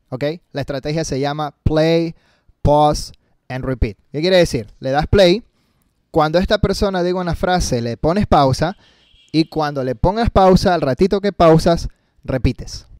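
A man's voice: fairly high pitch, unhurried, a little mellow, clear, resonant tone, no echo, studio quality. A man teaching English in Spanish, chatty and encouraging, slipping English words into his talk. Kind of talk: casual online lesson.

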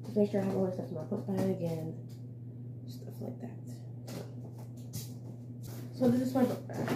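Chatting through a get-ready-with-me morning vlog, a young adult woman speaks at a moderate pace in a groggy mid-range voice, rambling and stuffing her speech with fillers. The sound is roomy and echoing, with constant background noise, recorded indoors at home.

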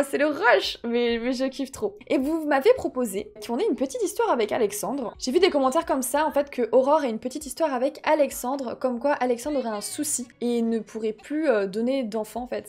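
A woman hosting a let's play, chatting expressively and talking to her game characters as she plays. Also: high voice. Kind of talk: casual gameplay commentary.

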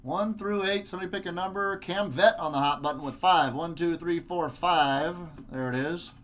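A man hosting a live card break, reading player names in quick lists with chatty asides. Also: fairly high pitch, a bit bright. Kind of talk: live group break commentary.

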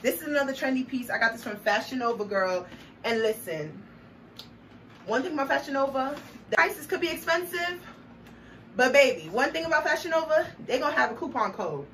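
A young woman's high, sing-song voice moves briskly and sounds a bit bright as she tries on clothes for her vlog. Sassy and playful, she sings snatches of songs and talks up each outfit, picked up on a distant mic amid background noise.

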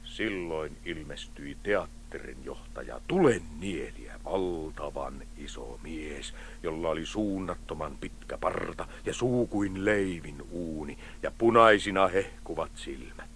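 A man narrating a storybook cassette expressively, dropping to hushed tones for effect. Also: very deep voice, hardly any pauses, a little hiss or hum.

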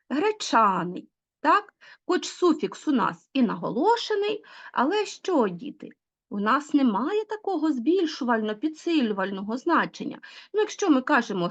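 Lively high-voiced woman teaching children. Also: lo-fi sound. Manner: explains patiently, stresses key words slowly, asks the children questions. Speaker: school teacher. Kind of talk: classroom grammar lesson for children.

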